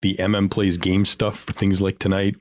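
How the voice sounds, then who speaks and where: Male podcast host, low voice, playful announcer reading shout-outs, dry close mic. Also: monotone, moderate pace, no room sound.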